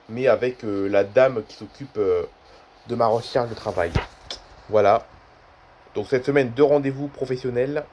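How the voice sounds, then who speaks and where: A man's voice: mid-range voice, darkish tone, slight background noise. A man in his twenties chatting casually in a vlog, rambling and repeating himself often. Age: 20s. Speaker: YouTuber.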